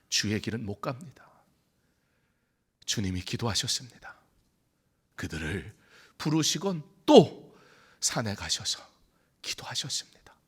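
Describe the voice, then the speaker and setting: A man preaching a Sunday sermon in a church, swinging from loud outbursts to hushed whispers and acting out short dialogues. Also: lowish voice, breathy edge. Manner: acts out short dialogues in different voices. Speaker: pastor. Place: church sanctuary.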